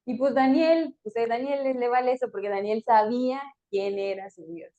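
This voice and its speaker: A woman's voice: a little high, moderate pace, dark tone. A woman teaching a Bible story in a conversational way, with fillers and small laughs between phrases. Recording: dull lo-fi recording.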